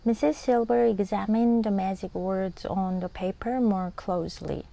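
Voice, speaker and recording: A Korean-native woman teaching English reading, reading a storybook aloud slowly and carefully, then explaining it patiently. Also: medium pitch, steady tone, gravelly, over music.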